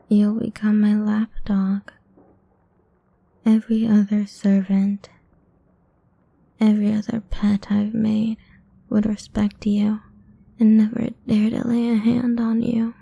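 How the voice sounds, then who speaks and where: Mostly whispering in a breathy, husky way, a woman slowly teases and commands as a seductive, domineering ancient vampire queen in intimate ASMR roleplay. Her medium-pitched, mellow voice is a full character performance, and the recording is dry.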